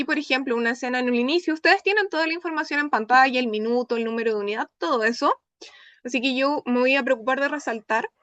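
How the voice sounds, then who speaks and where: Young chilean woman giving a lecture, high voice, dry close sound, keeps checking in w the room. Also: fairly bright tone, dry recording. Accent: Chilean Spanish. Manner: explanatory, checks in with the audience often. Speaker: lecturer presenting her research. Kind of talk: academic talk in an open class.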